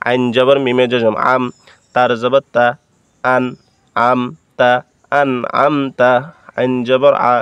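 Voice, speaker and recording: A man with a Bangladeshi Bengali accent teaching Quran reading, spelling out each letter and vowel mark one by one, then reciting the words slowly and drawn out. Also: mid-range voice, smooth, no echo, lo-fi sound.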